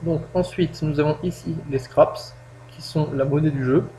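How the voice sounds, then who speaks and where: Casting note: man, somewhat high voice, chatty self-mocking game tutorial host, low-quality home mic with faint hum. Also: steady tone, moderate pace, dark tone. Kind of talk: casual gameplay tutorial.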